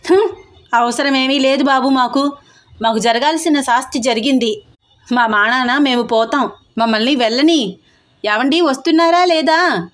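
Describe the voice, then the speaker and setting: A woman voicing a scheming middle-aged aunt who complains loudly and theatrically. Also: high voice, moderate pace, lightly acted. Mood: shrill. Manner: loud, dramatic, wailing complaints.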